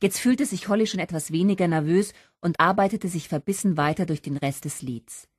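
A woman narrates an audiobook with lively, expressive storytelling. Her voice sits somewhat low, and the recording is close and dry. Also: fairly quick, slightly rough, no room sound. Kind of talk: scripted narration.

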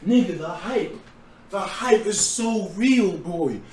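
Hoarse, shouting young male streamer. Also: sits high, takes it slowly, noisy background. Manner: loud, excitable, swearing, shouting. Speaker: livestream host. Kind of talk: hyped livestream reaction.

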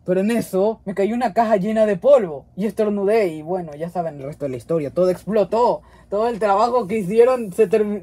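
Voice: mid-range voice, mellow, breathy edge, natural voice. Clumsy well-meaning bird, voiced by the fan show's one actor, rambling.

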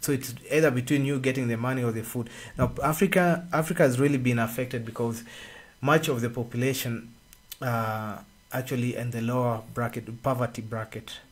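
A man, co-hosting a radio discussion and explaining at an unhurried pace with pauses and fillers, speaking into a studio microphone. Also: mid-range voice, fairly even intonation. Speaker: radio co-host. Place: radio studio with red walls. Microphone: studio boom mic.

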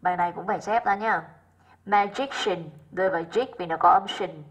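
A woman's voice: on the low side, fairly quick, husky. A woman English teacher going over exercise answers with her pupils, often checking in with rhetorical questions.

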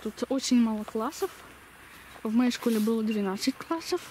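A woman's voice: on the high side, normal speed, darkish tone. A young woman with a slushy lisp, chatting casually into a handheld camera as she walks outdoors. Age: young adult. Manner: lisping, slushy sh for s. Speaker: vlogger. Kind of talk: casual chat while walking. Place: outdoors, walking along a village street. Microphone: handheld camera at arm's length. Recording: noisy outdoor camera recording.

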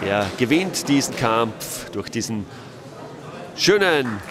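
Taking it slowly in a sing-song, medium-pitched voice, a sports commentator records a voice-over for a match. He keeps it matter-of-fact but lifts his voice at key moments, against a cheering crowd in a sports hall.

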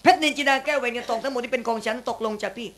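A man's voice: very high-pitched, steady tone, very fast. A man voicing a haughty young woman, a guardian spirit's daughter, in a shadow-puppet play, threatening intruders in a stern, formal way. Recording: loud puppet-theatre band music behind.

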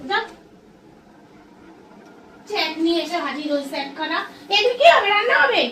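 A woman's voice: very high-pitched, animated, normal speed, fairly bright tone, a little hiss or hum. A woman in a comic domestic skit, scolding and nagging with laughs breaking in. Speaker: comedy vlogger. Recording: echoey room from far off.

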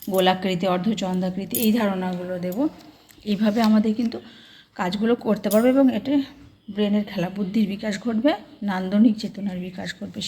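A woman's voice: medium pitch, darkish tone. A woman, a preschool worker, explaining a cardboard craft step by step in a casual way with many fillers. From Bengal.

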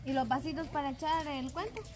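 A woman with a Guatemalan accent in lively, teasing casual banter. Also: high-pitched, a little fast. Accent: Guatemalan Spanish. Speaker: vlogger, co-host. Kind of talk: casual chat.

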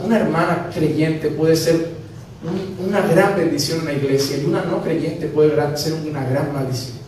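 Man, pastor, animated sermon, booming echo, faint hiss behind. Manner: animated, acting out dialogues with humor. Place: church sanctuary. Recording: very echoey church from a distance, faint noise.

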